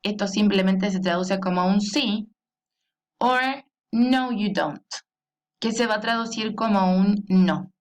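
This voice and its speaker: A woman teaches a grammar lesson at a slow, careful pace. She pronounces each English example phrase clearly and keeps checking that her listeners are following her. Her voice sits at an ordinary pitch. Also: fairly even intonation. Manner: deliberate, repeats a questioning "¿sí?" to check understanding.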